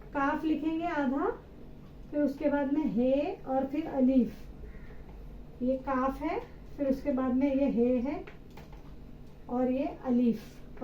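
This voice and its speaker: A woman's voice: high voice, slight background noise. A woman teacher giving a step-by-step reading lesson for children, patiently spelling out letters and answering her own questions. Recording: roomy, slightly dull recording with faint ambience.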